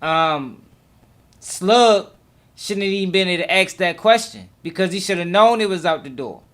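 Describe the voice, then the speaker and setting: A man's voice: high-pitched, moderate pace, fairly bright tone. A man giving informal commentary in an emphatic, repetitive, slangy way. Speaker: recap commentator.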